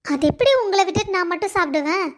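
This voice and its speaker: A woman's voice: extremely high pitch, fast. A woman voicing a loving young wife who pleads and complains of being alone. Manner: pleading, plaintive.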